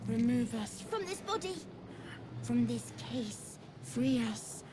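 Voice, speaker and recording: A woman voicing a trapped parasitic brain creature in a video game, pleading in an eerie, halting, unnatural voice. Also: a little high, expressive, noisy background. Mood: desperate pleading. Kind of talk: video game character acting.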